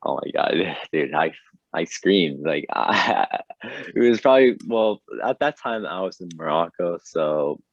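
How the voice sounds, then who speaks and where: A young man co-hosting a casual podcast, with a very low, deep voice that gets excitable and breaks into laughter. He rambles and restarts his sentences. The sound is dry and dull, like a lo-fi recording. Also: unhurried, no echo. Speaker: podcast co-host. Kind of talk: casual chat.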